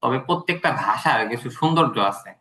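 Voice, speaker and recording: A man from Bangladesh explains English pronunciation to a student. His voice is bright and clear at an ordinary pitch. He talks patiently, padding his points with fillers. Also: expressive, quick pace. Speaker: English tutor.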